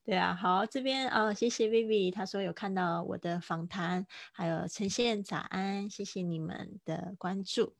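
A woman teaching English words in a casual live-streamed lesson, chatting and repeating each word slowly to model how it sounds. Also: medium pitch, vocal fry, dry recording, studio quality. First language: Mandarin.

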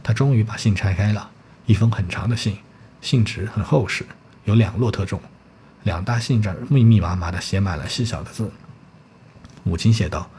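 Low-voiced male audiobook narrator. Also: moderate pace, a little hiss or hum. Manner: steady storytelling with occasional slips. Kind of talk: novel reading.

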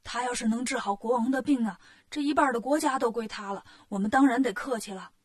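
A woman's voice: fairly high pitch, fast, breathy edge. A woman voicing anxious male palace soldiers in a storybook tale, urgent and pleading.

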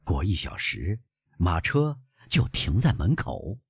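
A man reading aloud, voicing an older male innkeeper who haggles and flatters his guests. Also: low-pitched, slow pace, gravelly, breathy edge, no echo, clean studio sound, exaggerated voice. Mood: yielding.

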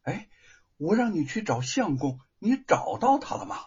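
A man voicing a gentle, eager young woman in a spoken storybook, talking high and excited. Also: moderate pace, slightly rough, lo-fi sound, exaggerated voice.

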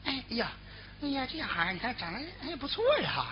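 A woman's voice: on the high side, sing-song, brisk. A woman playing a brash young brother-in-law in a comic stage duet, with a Northeastern Chinese accent and teasing, boisterous banter. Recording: slightly dull recording with faint noise.

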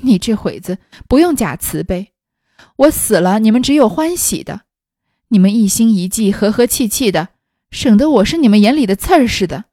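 A woman reading the lines of a sharp, bitter young noblewoman who is unwell, in a scornful, cutting manner. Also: mid-range voice, expressive, normal speed, no room sound, clean studio sound, close to an everyday voice. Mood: mocking.

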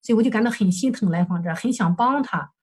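A woman's voice: medium pitch, fast, a little mellow, breathy edge. A woman counselor presenting a client case for supervision, recounting session dialogue hesitantly with many fillers and self-corrections.

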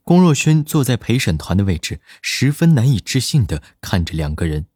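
Low-voiced man narrating an audiobook. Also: very animated, moderate pace, a little mellow, husky, no echo, studio quality.

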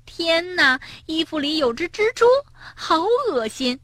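A woman voicing a timid, easily frightened big female rabbit in a children's storybook, in a shrill, panicky voice. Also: sing-song, moderate pace, pushed and bright, no echo, studio quality, heavily acted. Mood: panicked.

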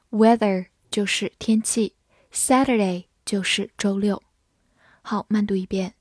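A woman teaches English vocabulary, spelling words out letter by letter and reading example sentences slowly. Her medium-pitched voice is a little mellow, recorded at studio quality with no echo.

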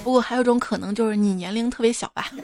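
Woman host, higher voice, chatty and teasing, faint music underneath. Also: steady tone, racing. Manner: chatty, teasing asides to the listener. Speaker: radio-style host reading listener jokes. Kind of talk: comic storytelling to listeners.

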